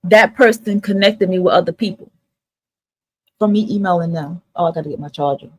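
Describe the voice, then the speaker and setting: Speaking briskly in a voice on the low side, a spiritual advice livestream host delivers a motivational monologue to her listeners. She is casual and frank, hammering points home through repetition and cursing freely.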